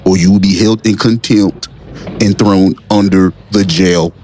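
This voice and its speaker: A man's voice: low voice, fairly even intonation, measured pace, darkish tone. A man playing a stern, commanding court bailiff who barks orders in a comedy skit. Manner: commanding, repetitive. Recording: music bed under the voice.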